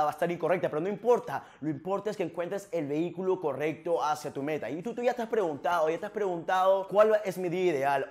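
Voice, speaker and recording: A man, giving an energetic, earnest motivational talk straight to the viewer. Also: high voice. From Peru. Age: 20s. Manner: energetic and earnest, addresses the viewer directly, frequent restarts. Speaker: motivational speaker.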